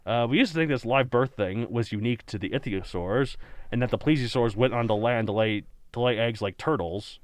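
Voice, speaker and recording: A man's voice: mid-range voice, a little fast, dry recording. A man hosting a podcast in casual chat, joking, laughing often and stumbling over words now and then. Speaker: podcast host.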